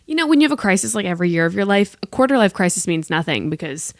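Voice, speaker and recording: A very animated, rapid-fire podcast host, this late-twenties woman from the United States rambles on her casual solo show, teasing herself and saying "like" constantly. Her voice is mid-range, and the studio-quality audio has no echo.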